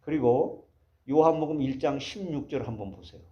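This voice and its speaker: A man's voice: mid-range voice, moderate pace, highs cut off, slight background noise. A man preaching a sermon as pastor, asking the congregation rhetorical questions as he explains a passage.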